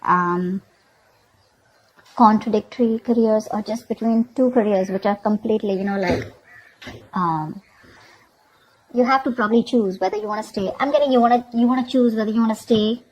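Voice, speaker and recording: In a rough recording, this tarot reader and channel host gives an off-the-cuff reading in a fairly high voice at a moderate pace, with long pauses. She speaks chattily to the viewer, often tacking on little check-ins like "okay" and "you know."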